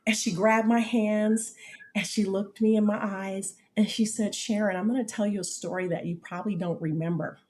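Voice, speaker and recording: A woman in her fifties, a podcast guest telling personal stories in a lively, animated way and acting out the voices in them. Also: mid-range voice, moderate pace, slight background noise. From United States. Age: 50s. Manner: animated storyteller, acts out quotes, repeats "literally". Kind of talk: podcast interview storytelling.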